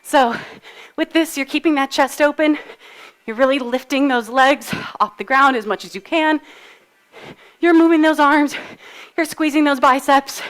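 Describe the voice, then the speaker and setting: A woman's voice: high-pitched, unhurried, pauses often, fairly bright tone. A woman coaching a live workout, out of breath while she cues moves and counts down. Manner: upbeat, encouraging, cues moves while exercising. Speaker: fitness instructor. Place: fitness studio.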